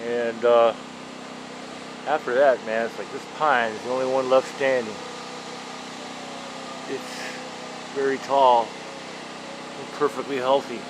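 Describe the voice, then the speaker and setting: Man vlogging casually over clear background noise. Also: mid-range voice, fairly even intonation, unhurried, long pauses. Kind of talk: casual vlog chat. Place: outdoors around a home after a storm. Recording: clear ambient hum and outdoor noise.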